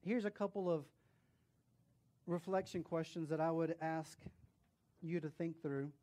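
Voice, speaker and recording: A male pastor preaching and telling a story, animated, with hushed drops at solemn moments. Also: fairly high pitch, a little slow. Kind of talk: sermon storytelling.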